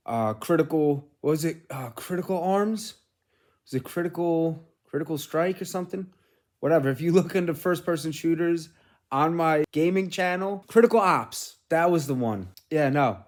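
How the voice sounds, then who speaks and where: A middle-aged man, rambling casually as a vlog host, telling things in an animated way with casual swearing. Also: a little high. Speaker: gaming streamer and host.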